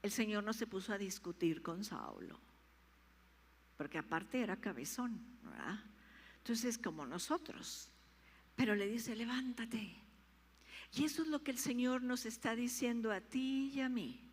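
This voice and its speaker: A woman's voice: fairly high pitch, expressive, normal speed, a little hiss or hum. A woman pastor preaching a sermon, emphatic and repetitive, rising to fervent peaks, in a reverberant church hall.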